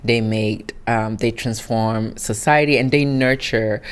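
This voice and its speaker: A woman's voice: a bass voice, fairly even intonation, unhurried, smooth. A woman from Italy, giving reflective, encouraging interview answers in an earnest way. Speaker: interview guest, founder.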